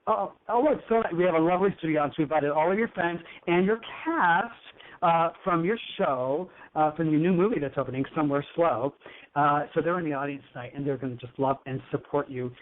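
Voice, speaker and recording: Campy gushing guy hosting a talk show, higher voice, tinny phone-line sound. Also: a little fast. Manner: flamboyant, teasing, effusive.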